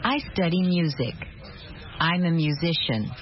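An actress playing a young female music student in a scripted textbook dialogue, speaking slowly and deliberately. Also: lowish voice, slight background noise, close to an everyday voice. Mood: calm. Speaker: language course dialogue actor. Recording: dull lo-fi course tape.

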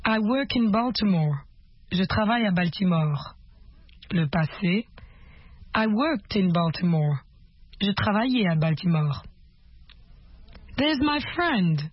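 A woman narrating a language course, explaining patterns in a measured way and modeling phrases in two languages. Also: medium pitch, expressive, slightly rough, dry recording. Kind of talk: instructional narration. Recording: dry, dull lo-fi course tape.

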